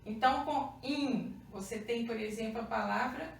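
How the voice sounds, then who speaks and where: A woman's voice: fairly high pitch, moderate pace, gravelly. A Brazilian woman teaching a Portuguese grammar lesson. She checks often that the class follows and counts letters out one by one. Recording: roomy echo, mic far off, faint hum.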